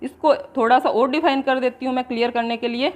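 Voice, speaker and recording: A woman teacher, giving an exam-prep lecture and slowly dictating definitions, then explaining them in Hindi. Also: high voice, steady tone, a little mellow.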